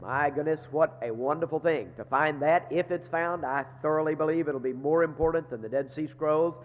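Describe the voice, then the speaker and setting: A middle-aged seminary leader, congested from a sinus infection so he sounds barrel-bound, jokes through folksy chapel announcements with frequent "uh." His voice is a little high and at normal speed. The audio is dull, with slight background noise and the long reverb of a large chapel hall.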